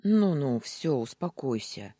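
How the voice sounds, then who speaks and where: A woman's voice: big pitch swings, takes it slowly, dark tone, slightly rough, no echo, clean studio sound, exaggerated voice. A woman reading a teasing, commanding young man. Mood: soothing teasing. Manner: low purring tone.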